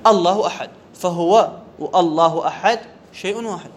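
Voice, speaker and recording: Teaching Arabic grammar in a classroom lecture, a high-voiced man speaks at a moderate pace, asking the class questions, answering them himself and repeating key terms. A little hiss or hum is audible.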